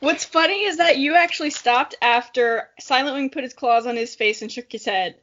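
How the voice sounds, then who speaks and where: A woman co-hosting a podcast giggles and pokes fun at herself while chatting casually and doing an amateur dramatic reading of a story. Her voice is high and a bit bright at a moderate pace, and the lo-fi audio carries a little hiss or hum.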